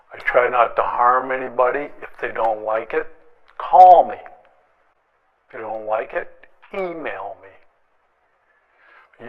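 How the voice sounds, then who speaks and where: A man's voice: mid-range voice, phone-quality sound. A man hosting an opinionated public access show, speaking bluntly and defiantly and repeating himself for emphasis. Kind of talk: opinionated monologue to camera.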